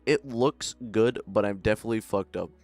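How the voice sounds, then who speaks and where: A man's voice: lowish voice, a little fast, a little mellow, soft background music. A young man streaming a game and chatting casually, laughing often and rambling between jokes. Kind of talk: casual chat while gaming.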